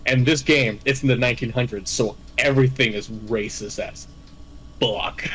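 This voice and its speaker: A man's voice: medium pitch, fairly even intonation, normal speed, a bit bright, a little hiss or hum, rough recording. Rambling laid-back male game host. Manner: rambling, laughing, self-correcting storyteller. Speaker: host recapping game villains. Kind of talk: casual chat.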